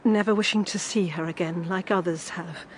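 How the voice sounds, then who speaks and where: In a period audio drama, an actress plays an anxious, guarded middle-aged guardian hiding a sorrowful secret, hesitant, pleading and formally polite. Her fairly low voice has fairly even intonation at normal speed, natural but on a low-quality recording with slight hiss or hum.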